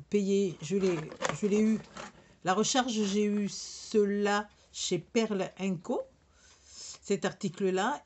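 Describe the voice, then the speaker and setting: A crafting demonstrator with a regional French accent shows off a sticker machine casually and hesitantly, with plenty of fillers and restarts. Her voice is mid-range, with slight background noise.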